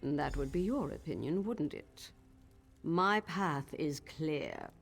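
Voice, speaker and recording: An actress playing a proud, determined old sorceress in a fantasy video game, haughty, commanding and theatrical. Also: female voice, low voice, big pitch swings, slow pace, creaky, slightly rough, faint music behind, exaggerated voice.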